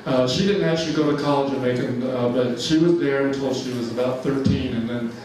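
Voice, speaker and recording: Speaking a bit quickly in a medium, slightly mellow voice, a man in his seventies from Georgia talks informally over slides. His delivery meanders, full of fillers and frequent chuckles. The setting is a large church hall, recorded with the mic far off and lots of echo.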